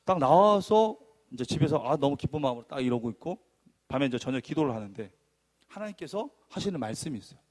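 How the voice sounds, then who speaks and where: A man preaching a sermon testimony, telling his story in an animated, emphatic way and acting out arguments. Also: on the high side, quick pace.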